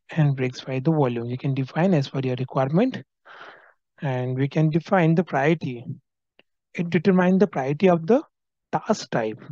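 A man walking through a software screen recording as a trainer, explaining each field and often checking in with "right?". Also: a little high, no echo, muffled recording. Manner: explanatory, frequent tag "right?".

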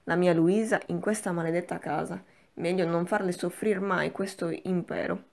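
Audiobook: woman reading a hot-headed young gentleman, clipped and defiant, a little gravelly. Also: on the low side, fairly even intonation, normal speed. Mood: furious. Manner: curt, defiant, bursts into angry tirades. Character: proud, hot-tempered young nobleman.

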